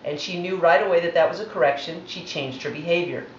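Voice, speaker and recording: A woman's voice: fairly low pitch, fast, slight background noise. A woman dog trainer giving a patient, methodical demonstration lesson. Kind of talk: instructional demonstration. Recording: roomy, distant, dull recording.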